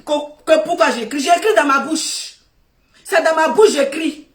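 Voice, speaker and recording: A high-pitched middle-aged woman with a West African French accent rants on a phone live stream, loud and laughing as she scolds. Her voice sits back from the mic in an echoey room. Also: a little slow, recorded from a distance, slight background noise. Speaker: Facebook live host. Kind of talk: Facebook live rant.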